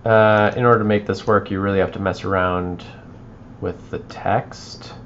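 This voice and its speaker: A man walking viewers through a video edit on a livestream, thinking aloud and trailing off into quiet mutters as he works. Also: on the low side, steady tone, moderate pace, muffled recording, a little hiss or hum. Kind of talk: live editing walkthrough.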